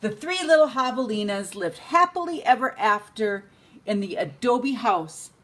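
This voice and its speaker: This is an older woman, a grandmother, leisurely and expressively reading a bedtime book to a child. Her pitch runs fairly high.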